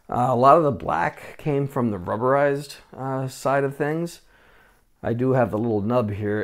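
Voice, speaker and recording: This man in his forties, host of a vintage computer channel, talks at a medium pitch as he casually walks through a hands-on restore. He sits at a desk in a small room with a lapel mic, sounding relaxed and chatty with frequent "uh" fillers.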